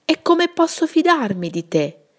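Lady doing a sad lovesick storybook duke, wails high and loud, all poor-me. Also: very animated, a little slow. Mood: eager. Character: lovesick ugly duke, melodramatic and despairing.

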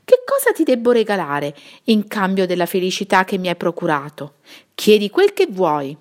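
A woman voicing a kind, ugly, lovesick duke who laments his fate in a high, loud, theatrical voice in a storybook reading. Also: wildly swooping pitch, moderate pace. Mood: eager.

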